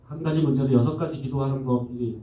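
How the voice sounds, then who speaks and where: A man, a pastor, preaching a sermon, who swings between loud, excited lines and soft, low-voiced passages. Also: fast. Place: church sanctuary. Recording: echoey room, voice from far off the mic.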